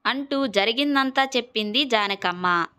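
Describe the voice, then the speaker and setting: Woman storyteller for a kids' moral tale, bright and crisp, slightly high voice. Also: unhurried. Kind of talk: scripted children's story narration.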